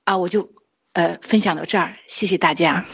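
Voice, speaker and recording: A woman's voice: on the low side, moderate pace, gravelly, highs cut off. A woman, likely in her forties, earnestly sharing a personal testimony in a casual monologue, with frequent hesitations and restarts.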